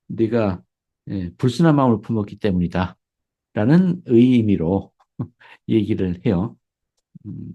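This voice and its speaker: A man's voice: medium pitch, dark tone. Chatty man teaching, slurred sibilants. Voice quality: slightly slurred sibilants from dental braces. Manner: chatty, fills pauses with "예", chuckles often. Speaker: church history teacher. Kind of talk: casual spoken lesson.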